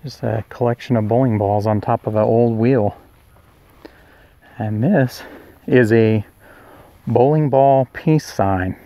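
A man's voice: mid-range voice, slow, pauses often, dark tone, no echo. Easygoing Oklahoma man narrating outdoors. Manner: easygoing, chatty, narrates as he walks. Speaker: vlogger touring a roadside attraction. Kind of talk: casual walking-tour narration. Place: outdoors in a large rural yard.

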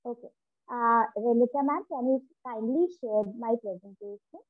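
A woman's voice: a little high, moderate pace, no echo. A woman from India with an Indian English accent, a school educator speaking hesitantly as a guest on an online panel. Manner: hesitant, with frequent "uh". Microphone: video call. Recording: tinny phone-like call audio.

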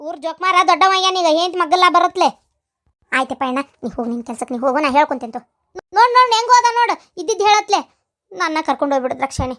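Woman voicing a shrill grumbling old village woman. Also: animated, very fast, fairly bright tone. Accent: North Karnataka Kannada. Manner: scolding, complaining.

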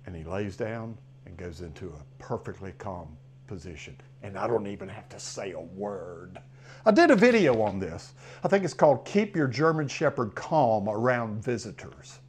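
Animated older dog trainer. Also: male voice, medium pitch, moderate pace, slight background noise. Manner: animated, repetitive, big swings in emphasis. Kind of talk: casual advice talk to camera.

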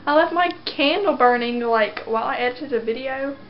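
A woman's voice: sits high, moderate pace, muffled recording. A young woman chatting casually to her camera at home in a daily vlog, sometimes cooing at her dog. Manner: chatty, talks baby-talk to her dog. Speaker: vlogger. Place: at home, indoors.

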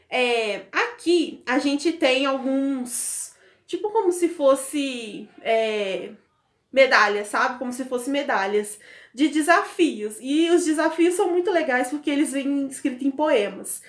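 A woman's voice: sits high, expressive, slow pace. A young woman from Brazil casually walking through an app on her phone, chatty and laughing often, speaking into an earphone mic at home. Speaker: book vlogger. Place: home room with bookshelves. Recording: echoey room.

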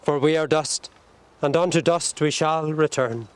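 A man leading a burial service outdoors at a cemetery, reciting the prayers in a solemn, measured way. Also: fairly high pitch, a little hiss or hum. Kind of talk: liturgical graveside prayer.

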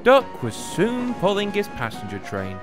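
Slow, lively-voiced male storyteller. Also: sits high, over music. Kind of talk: storybook narration.

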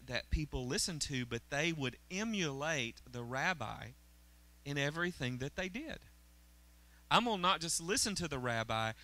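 A middle-aged pastor, fairly high-pitched, bright and forceful, speaks into a handheld mic from the stage of an indoor church auditorium. His sermon is conversational, and he keeps checking in with the people in the pews.

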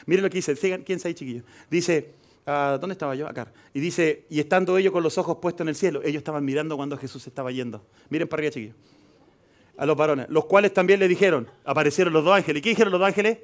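Chilean pastor preaching loud and soft. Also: male voice, fairly high pitch, quick pace. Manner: swings from soft asides to loud emphatic preaching. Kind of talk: live sermon. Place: church hall.

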